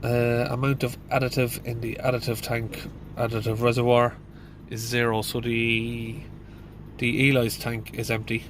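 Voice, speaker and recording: Inside a van, a middle-aged man who works as a mechanic muses through a diagnosis casually, using fillers and plain wording. Hay fever makes him sound congested. His mid-range voice stays monotone at a moderate pace, and there's slight background noise.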